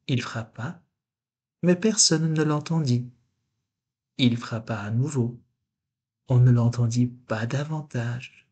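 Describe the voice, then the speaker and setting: Slow husky man reading a storybook. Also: mid-range voice, darkish tone. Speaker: storybook reader. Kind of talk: children's story read-aloud.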